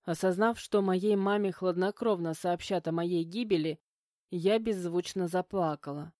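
A woman's voice: fairly low pitch, measured pace, dark tone, no room sound. A young woman reading a first-person audiobook with emotional, dramatic narration on a close mic.

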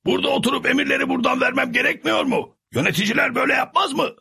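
A man voicing a nervous, fussy middle-aged squire in a storybook reading, high and fretful. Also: racing, vocal fry, bright, forceful tone, breathy edge, heavily acted. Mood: pleading. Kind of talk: storybook character voice.

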